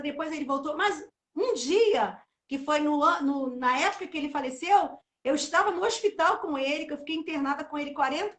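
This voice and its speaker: A woman's voice: high-pitched, fairly bright tone, reverberant. A middle-aged woman telling an emotional personal testimony, talkative and full of "né". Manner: talkative, emotional storytelling with many "né". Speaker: host of a live church chat series. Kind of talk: casual testimony chat.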